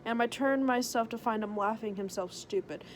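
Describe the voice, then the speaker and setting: A woman's voice: a little high, moderate pace, very noisy. Giggly woman reading a story aloud. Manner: stumbling over words, giggly. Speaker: reader of a story. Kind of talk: joking read-aloud of fan fiction.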